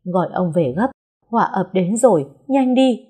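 A woman's voice: on the low side, expressive, fairly quick, warm tone, breathy edge. A woman voicing a frightened, superstitious old mistress of a rich household. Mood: alarmed. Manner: panicky, superstitious.

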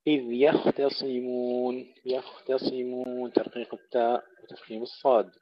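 Slow, melodic chanting of verses alternates with brisk, matter-of-fact pronunciation explanations as a man leads a Quran recitation lesson. His voice is level and middle-pitched, on a dull, lo-fi recording with a little hiss or hum.

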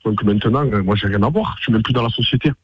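A man's voice: lowish voice, fast talker, husky. A man on the phone, stammering and protesting at length, heard over a lo-fi phone line. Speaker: prank call target. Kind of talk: phone conversation. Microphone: telephone.

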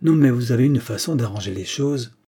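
A gruff, skeptical old pioneer from a storybook, blunt and ironic, as a male reader plays him. The voice stays mellow and a little husky. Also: mid-range voice, lively intonation, a little fast. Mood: scornful.

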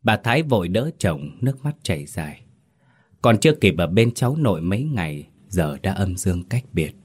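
A man hosting and narrating a scripted horror story in a steady, measured way. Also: low-pitched, husky. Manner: steady, measured storytelling with hesitant asides in the intro. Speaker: host and narrator.

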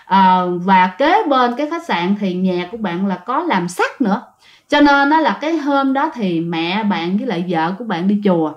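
A woman's voice: medium pitch, animated, moderate pace. A woman telling a true ghost story casually, talking straight to her listeners. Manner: chatty, addresses listeners directly. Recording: dull lo-fi sound.

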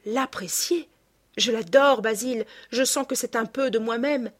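Anguished young man, pleading and tearful, slightly raised and breathy, as a woman reader puts him on. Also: on the high side, a little slow, pitched above the performer's own voice. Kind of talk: audiobook reading.

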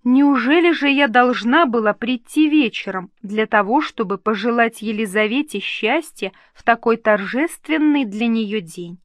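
A woman's voice: a little high, expressive, a little slow, hardly any pauses, no room sound. Woman voicing a gracious, dignified queen. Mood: gently chiding. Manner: warm, reassuring. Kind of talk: audiobook reading.

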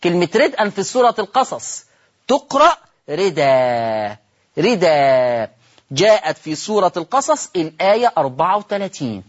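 A man with an Egyptian Arabic accent teaching a Quran reading lesson with a husky, slightly breathy voice. He stretches key words slowly, repeats them, and asks his listeners questions. The sound is muffled and lo-fi, as if taken from an old broadcast. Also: high-pitched, sing-song.

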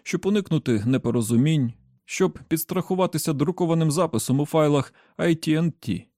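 A man reading an audiobook, voicing a shrewd older man who explains his reasoning step by step in a measured way. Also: fairly high pitch, dark tone, no echo, clean studio sound, natural voice. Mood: explaining. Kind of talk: audiobook character voice.

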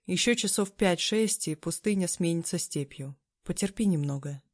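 A woman voicing a weary, stoic immortal man who speaks tersely and dryly, with a quiet, slightly mocking manner. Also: fairly low pitch, normal speed, dry recording, studio quality, natural voice. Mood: calm.

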